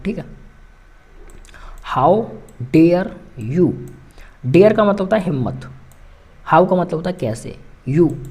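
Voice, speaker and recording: Patient man teaching phrases, dark voice. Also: fairly high pitch. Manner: patient, repeats each phrase slowly and checks in. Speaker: English teacher. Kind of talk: explaining English phrases with Hindi translations.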